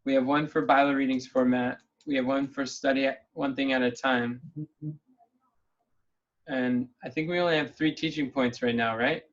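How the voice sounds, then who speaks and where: A man's voice: mid-range voice, steady tone, moderate pace. A man leading a casual planning call over a video link, thinking aloud in an upbeat way. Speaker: meeting leader. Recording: dull lo-fi call audio.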